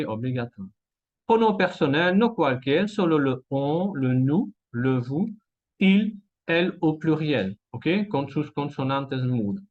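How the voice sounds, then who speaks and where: Slow, deliberate man teaching. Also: on the high side, dull audio. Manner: slow, deliberate, repeats words, frequent "¿ok?" checks. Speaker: French teacher. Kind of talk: language lesson.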